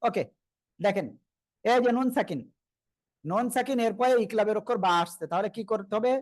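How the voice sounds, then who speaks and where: A man's voice: high-pitched, normal speed, dry recording. A man with a Bangladeshi Bengali accent teaching a live online Quran reading class, patiently repeating letters and asking students to say them back.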